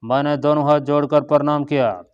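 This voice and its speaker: Steady, flat-voiced man narrating a story. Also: a little high, brisk, smooth, dull audio. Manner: steady, even reading.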